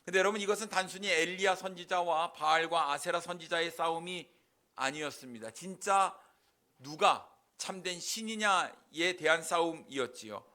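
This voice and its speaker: A man's voice: fairly high pitch, normal speed, sharp tone. A male pastor preaching a sermon in a conversational way, with many rhetorical questions.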